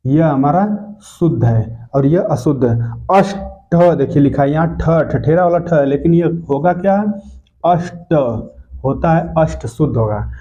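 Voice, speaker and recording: Man, teacher, mellow voice, repeats words slowly, dull lo-fi sound. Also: on the high side. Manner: explains step by step, repeats each correct word slowly. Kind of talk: spelling lesson lecture. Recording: dull lo-fi recording.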